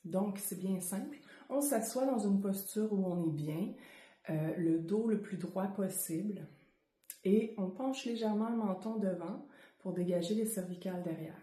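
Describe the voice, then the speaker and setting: A woman with a Quebec French accent teaching yoga breathing informally, speaking unscripted with frequent hesitant pauses. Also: mid-range voice, dark tone. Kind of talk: informal guided breathing lesson to camera. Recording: roomy, echoing indoor sound.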